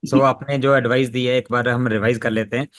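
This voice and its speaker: A man's voice: mid-range voice, flat delivery, brisk, no room sound. A man interviewing a guest, a teacher who methodically sums up her advice point by point. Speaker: interviewer, pharmacology faculty. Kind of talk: interview summing-up.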